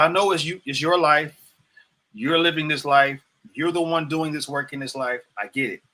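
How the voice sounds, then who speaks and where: A man's voice: medium pitch, sharp tone. A man in his fifties hosting a livestreamed motivational talk, preaching to viewers, repeating phrases and asking them questions directly. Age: 50s. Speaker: host.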